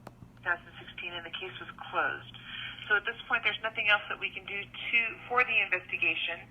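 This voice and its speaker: A woman's voice: medium pitch, brisk, husky, lo-fi sound. A woman police detective leaving a formal, procedural voicemail message, played back from a phone recording. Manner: formal, procedural, hesitant with fillers.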